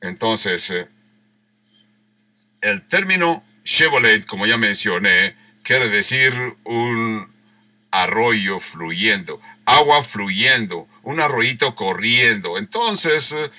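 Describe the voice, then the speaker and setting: A male pastor with a very bright, forceful voice, teaching scripture at an unhurried pace. He works through the passage line by line, repeating key words to make the sounds clear. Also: lowish voice, lively intonation. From Mexico. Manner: unhurried, rereads verses and acts out the quoted lines; explains word sounds with emphatic repeats. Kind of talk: sermon teaching verse by verse.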